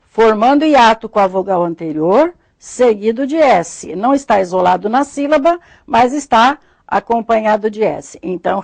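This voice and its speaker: A woman with a Brazilian Portuguese accent giving a recorded grammar lesson, methodically explaining rules and spelling out example words slowly. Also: on the high side, vocal fry, darkish tone, no room sound. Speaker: Portuguese teacher.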